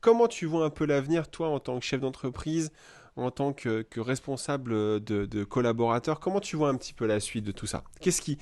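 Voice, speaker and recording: A man from France hosting a casual live chat, lively and playful, laughing often. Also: medium pitch, a little fast. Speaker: host. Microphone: live video call.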